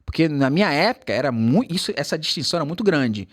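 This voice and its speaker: Brazilian male English teacher, animated storyteller, somewhat high, very expressive pitch. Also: fast talker. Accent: Brazilian Portuguese. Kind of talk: casual chat.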